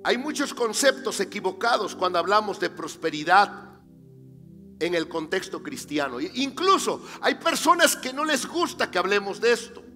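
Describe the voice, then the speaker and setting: A pastor with a strikingly high, bright voice preaches slowly and deliberately. He poses questions to the congregation, answers them himself and builds to forceful declarations. His sermon rings through a long-echoing church hall over soft background music. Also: very animated. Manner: rises to emphatic, near-shouted declarations. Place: church sanctuary.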